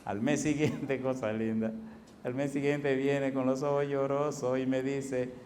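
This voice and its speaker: A middle-aged man, preaching a sermon as pastor and building to loud rhetorical questions. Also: medium pitch, level tone, measured pace, slight background noise. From Dominican Republic.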